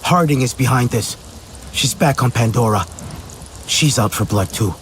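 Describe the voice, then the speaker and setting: A man's voice: medium pitch, normal speed, a bit bright, slight background noise, close to an everyday voice. A man playing an earnest, practical, supportive resistance warrior in a video game, speaking plainly.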